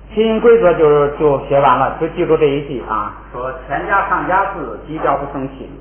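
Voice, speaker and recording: A man teaches a spelling lesson in a slightly high voice, patiently repeating each syllable so students can read along. The sound is thin and phone-like, with a roomy echo and a faint hiss underneath. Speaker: Tibetan language teacher. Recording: tinny, echoey, lo-fi recording with faint hiss.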